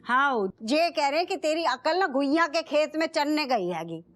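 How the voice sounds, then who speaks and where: Sitcom matriarch, older, bossy and superstitious, high sing-song voice. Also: female voice, animated, normal speed, noisy background. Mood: coaxing. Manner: scolding, folksy dialect drawl. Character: bossy old mother, scolding and superstitious. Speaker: sitcom character. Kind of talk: TV sitcom acting.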